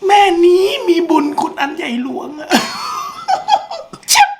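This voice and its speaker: A woman hosting a comedic clip-reaction show, exclaiming, laughing and shouting as she comments. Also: very high voice, huge pitch swings, measured pace, background noise. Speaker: host reacting to clips.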